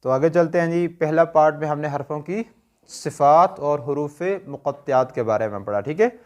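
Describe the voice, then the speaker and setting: Speaking at normal speed in a fairly high voice, a Quran recitation teacher with a Pakistani Urdu accent teaches tajweed. He is patient, posing questions and then answering them on his own.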